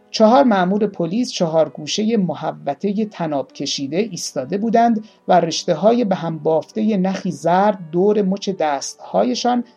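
A man reading a story aloud, slowly voicing its characters with small shifts of voice. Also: high-pitched, gravelly, mellow, slightly rough. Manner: reads the tale slowly, playing each speaker with small voice shifts. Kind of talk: audiobook narration.

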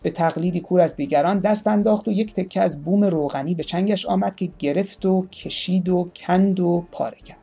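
A man reading a story aloud, slowly voicing its characters with small shifts of voice. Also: sits high, gravelly, mellow, husky, highs cut off, faint music behind. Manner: reads the tale slowly, playing each speaker with small voice shifts. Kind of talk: audiobook narration.

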